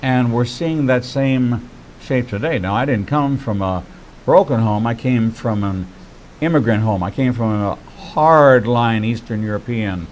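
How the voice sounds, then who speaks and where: A man in his sixties hosting a faith-based interview, speaking in measured, preacherly phrases. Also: mid-range voice, darkish tone, a little hiss or hum, low-quality recording. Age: 60s.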